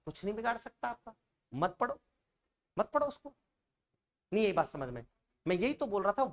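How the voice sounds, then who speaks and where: A male teacher giving an online exam-prep coaching lecture, chatty and always checking in with students through rhetorical questions. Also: high voice.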